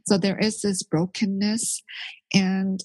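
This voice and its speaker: Earnest husky-voiced woman author. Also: mid-range voice, flat delivery, slow pace, a little mellow, no echo, poor audio. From born in Korea, raised in Canada. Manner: thoughtful, earnest, many fillers. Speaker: author, theologian guest. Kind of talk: interview conversation.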